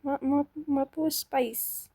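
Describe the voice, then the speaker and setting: A young woman who hosts a gaming channel talks casually to herself as she plays, chatty and self-doubting. Her high voice is steady and mellow, and she takes it slowly. The recording is dry.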